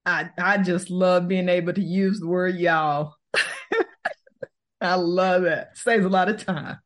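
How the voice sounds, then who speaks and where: Woman in her sixties, unhurried. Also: on the low side, fairly even intonation. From Texas, US. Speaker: podcast host, guest. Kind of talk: conversational interview answers.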